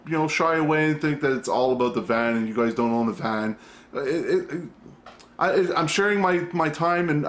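There's a little hiss or hum as a middle-aged vlog host talks casually to camera from his home. His voice is medium-pitched with a fairly bright tone, and he rambles, interrupts himself, and throws in the odd swear word.

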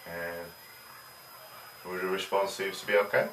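A man's voice: low-pitched, flat delivery, a little slow, fairly bright tone. A middle-aged man casually reviewing a product at home, talking in a rambling way with many fillers. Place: small home room with desk and computer. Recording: roomy, distant camera audio, faint hiss.

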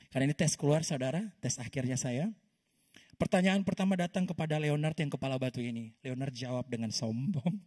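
A man with a slightly high, husky voice preaches to a congregation at a church service. He tells a personal testimony in a lively storytelling way and keeps turning to his listeners by name. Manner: lively storytelling that often calls the congregation "saudara". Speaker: pastor.

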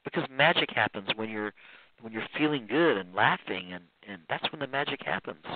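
A man's voice: mid-range voice, animated, a little fast. Brief: rambling male guest, frequent laughs, thin phone-line sound, faint hiss. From Iran. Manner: rambling, laughs often, many restarts. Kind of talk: casual interview talk.

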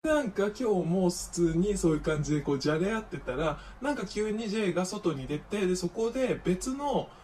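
Young male vlogger, high voice, campy animated gossip, set back from the mic with faint noise. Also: fairly quick, few pauses, far from the mic. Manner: animated gossip with feminine speech style, acts out friends' lines. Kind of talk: casual storytelling monologue.

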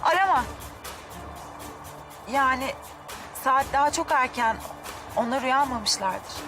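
A reserved young wife speaks softly and hesitantly in a slightly high voice. She sounds set back from the mic, with music running underneath. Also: animated, takes it slowly, recorded from a distance. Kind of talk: TV drama acting.

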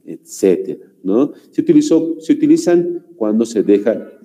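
A man's voice: medium pitch, big pitch swings, normal speed, mellow, poor audio. A man with a Bolivian Spanish accent teaching a grammar class, who keeps repeating "muy bien" and "señores" and asks the class rhetorical questions.

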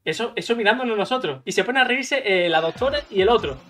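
A man's voice: sits high, animated, fast talker, fairly bright tone. A man, a gaming streamer chatting casually and swearing as he acts out dialogue while he plays. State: coughing. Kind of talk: casual storytelling while playing.

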